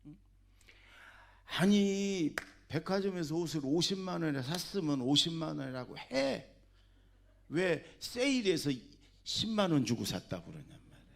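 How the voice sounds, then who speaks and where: Gravelly Korean pastor preaching emphatically. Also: male voice, fairly high pitch, very animated, a little slow. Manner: emphatic, exhorting, sudden loud bursts. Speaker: senior pastor. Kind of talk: sermon. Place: church sanctuary.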